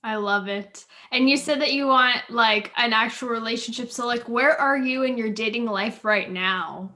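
A woman's voice: fairly high pitch, normal speed. A woman hosting a casual interview, affirming her guest and asking open questions. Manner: affirming, warm questions, laughs often. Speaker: host.

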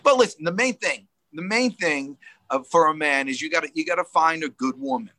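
Bright-voiced man telling frank stories. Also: a little high, a little fast, no echo. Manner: emotional, rambling, laughs often. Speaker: podcast guest. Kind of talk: candid storytelling in conversation.

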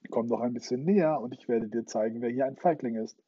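A man's voice: mid-range voice, quick pace, dark tone, husky, no echo, close to an everyday voice. A man voicing a fearless, cocky flying boy who taunts his foe, on a dull lo-fi recording. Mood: taunting. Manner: bold, taunting.

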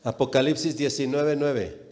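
A man's voice: medium pitch, fairly even intonation, a little slow, darkish tone, long reverb tail. A man preaching a sermon with emphasis, repeating phrases and speaking straight to the congregation.

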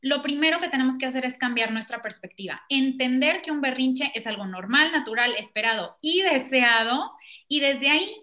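Bright high-voiced woman explaining. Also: moderate pace. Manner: animated, acts out children and parents in quoted voices. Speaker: parenting expert. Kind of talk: explanatory conversation.

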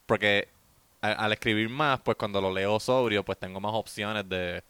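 Bright, clear-voiced man in casual chat. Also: on the low side, fairly even intonation, moderate pace, dry recording. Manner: explains at length, corrects grammar. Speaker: podcast co-host.

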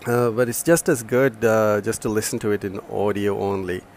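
A man hosting a podcast, reading a passage and then chatting, with a nasal voice from a lingering cold and halting delivery. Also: on the low side, steady tone, darkish tone, slight background noise. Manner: slow, halting, with restarts and fillers. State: has a cold. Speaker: podcast host. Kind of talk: reading a memoir excerpt, then casual podcast talk. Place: home room with a fan running.

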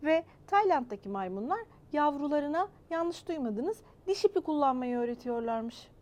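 A woman hosting a children's show, reading a story aloud expressively and talking gently to young listeners. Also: high-pitched, animated, moderate pace, lo-fi sound. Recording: long hall reverb.

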